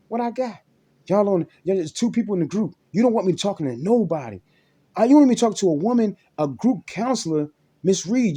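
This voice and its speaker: A man's voice: fairly high pitch, warm tone. A man talking to the camera in a rambling, profane personal monologue, repeating himself and restarting sentences, with "you know what I'm saying" over and over. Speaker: vlogger.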